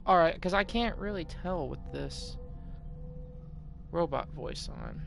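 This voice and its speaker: A game streamer chatting live through a horror game, reacting and talking to viewers. The delivery is casual and loose, with frequent swearing, at an average pitch. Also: takes it slowly, gravelly, over music.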